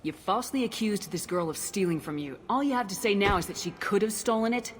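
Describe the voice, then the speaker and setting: A woman's voice: medium pitch, fast, a little hiss or hum, lightly acted. An actress playing a confident, blunt female space commander in a video game. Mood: indignant. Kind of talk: video game character acting.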